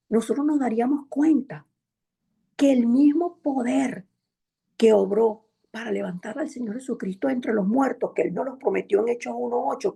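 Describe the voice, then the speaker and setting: A woman's voice: on the high side, creaky, warm tone, husky. A woman preacher delivering a Sunday sermon in a church, with an emphatic, repetitive cadence, often addressing the congregation as brethren. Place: church in Montreal.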